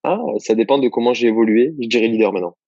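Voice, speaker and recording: A man from the south of France, a guest in a casual interview, tells his story in a relaxed, rambling way, restarting often. His medium-pitched voice races along, and the recording is dry and lo-fi.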